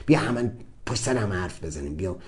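A sneering, scornful inner voice that taunts and belittles, sometimes sinking low and quiet, sometimes jumping up sharply. The tone is dark and mellow, as a man puts it on while telling his story. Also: expressive, natural voice. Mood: taunting. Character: mocking inner voice of the mind, male, scornful.

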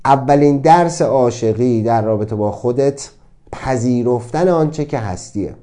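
A man's voice: medium pitch, dark tone. A man giving a motivational talk, earnest and reflective, asking many rhetorical questions. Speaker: speaker on self-acceptance.

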